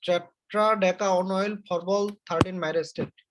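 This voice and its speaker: A man lecturing an online class. His audio keeps breaking up and stalling, and he spells out a term slowly and deliberately. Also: sits high, fairly even intonation, heavy background noise. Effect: choppy, breaking-up online connection audio that stalls and stretches words. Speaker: pathology lecturer. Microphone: online video call.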